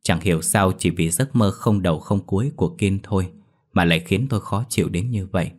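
Deep-voiced storyteller. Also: male voice, fairly quick. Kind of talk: ghost story narration.

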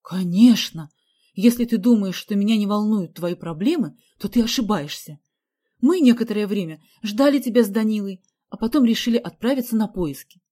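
A woman's voice: a little high, normal speed, few pauses, warm tone, natural voice. Give me a woman as a reproachful older governess, raised and insistent.

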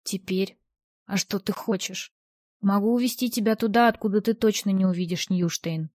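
A woman's voice: mid-range voice, fairly even intonation, normal speed, darkish tone, dry recording, close to an everyday voice. A woman voicing a jealous, vengeful young man in an audiobook, speaking in a cold, mocking way. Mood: menacing.

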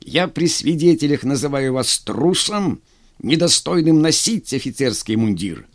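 A man voicing a stern, contemptuous army general who speaks gruffly, in a commanding way. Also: on the high side, very animated, a little slow, no echo, studio quality. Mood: stern scorn.

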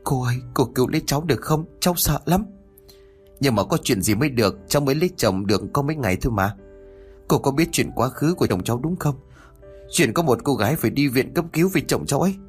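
A panicked young bride, voiced by a man, pleads for rescue in quick, rising bursts. The reading carries faint music behind it. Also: mid-range voice, lively intonation, close to an everyday voice. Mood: frantic. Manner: begging, frantic. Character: frightened young bride, crying, begging.

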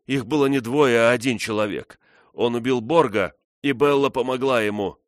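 A man's voice: mid-range voice, moderate pace, a bit bright, no room sound, clean studio sound, voice pushed up, close to an everyday voice. Man doing a feverish accused man. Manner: feverish, urgent. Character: frightened accused man pleading fervently.

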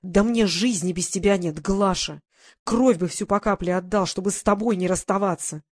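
A woman's voice: mid-range voice, normal speed, lightly acted. A woman voicing a stern, commanding man. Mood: tender. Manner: firm, clipped orders. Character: stern, commanding grown man, blunt and protective.

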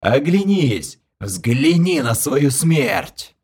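A man voicing a gloating, bloody undead old woman with a grating voice, speaking slowly and solemnly in an audiobook. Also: on the high side, sing-song, a little mellow, husky, voice pushed up, full character voice. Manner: slow, solemn, gloating delivery. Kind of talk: audiobook character voice.

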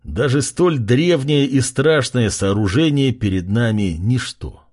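A man voicing an arrogant armored warlord who speaks in a gloating way, with a husky and lively voice. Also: mid-range voice, a little slow.

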